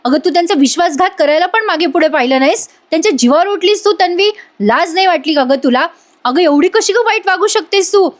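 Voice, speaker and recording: A woman's voice: sits high, steady tone, normal speed, lightly acted. A woman doing a stern scolding mother-in-law. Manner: scolding, reproachful.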